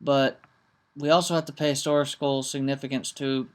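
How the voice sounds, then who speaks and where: A man's voice: mid-range voice, little pitch movement, moderate pace, clean tone. A man talking casually to camera in a vlog, earnest and reflective, with many ums and restarts. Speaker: vlogger.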